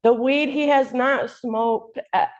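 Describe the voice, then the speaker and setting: A woman's voice: high voice, steady tone, slow, a little mellow. A woman making an unscripted, informal plea in court, insistent and colloquial. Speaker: defendant's partner pleading in court. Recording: dull, muffled lo-fi courtroom audio.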